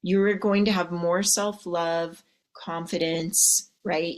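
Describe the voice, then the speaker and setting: A woman coach talks straight to her women viewers in a sassy, chatty way, calling them ladies and darling. She speaks at an unhurried pace and slips into little acted voices to make a point. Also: fairly low pitch. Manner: acts out quoted voices. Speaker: love and mindset coach.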